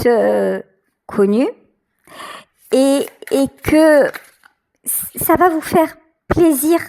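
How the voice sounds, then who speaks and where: A woman hosting her own channel gives an intuitive tarot reading addressed straight to her viewers. Her high voice has a darkish tone, and she speaks very slowly and hesitantly, pausing often as she hunts for the right words.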